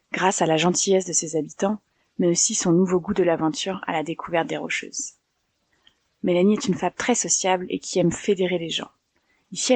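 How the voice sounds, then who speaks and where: A woman hosting a podcast, reading a measured, scripted introduction. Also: fairly low pitch, husky, dry recording. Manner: measured, even narration. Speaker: podcast host. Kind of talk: scripted narration.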